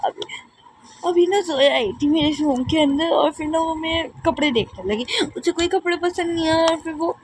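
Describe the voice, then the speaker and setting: A woman's voice: extremely high pitch, moderate pace, noisy background, voice pushed up. A woman voicing a timid young daughter who stammers and pleads with her strict father. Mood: tearful.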